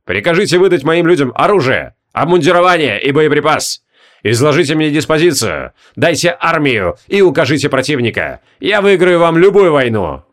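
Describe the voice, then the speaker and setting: A man's voice: fairly high pitch, big pitch swings, normal speed, a bit bright. Man voicing jolly old undead marshal Khabokin. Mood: commanding, gruff. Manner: folksy rustic speech, gruff barking commands. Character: jovial old undead male marshal, folksy.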